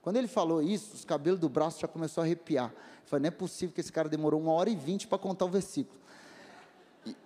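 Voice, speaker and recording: A man preaches, telling his testimony at a rapid clip in a fairly high, mellow voice. He is a lively storyteller who acts out the voices of the people in his story. His voice carries a long reverb, as in a large hall.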